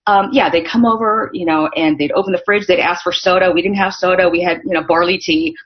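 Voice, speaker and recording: A woman's voice: lowish voice, steady tone, fairly quick. A middle-aged woman from Northern California, a podcast guest chatting casually and telling stories with lots of fillers. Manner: chatty storytelling with frequent fillers. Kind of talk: casual interview conversation. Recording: dull lo-fi audio.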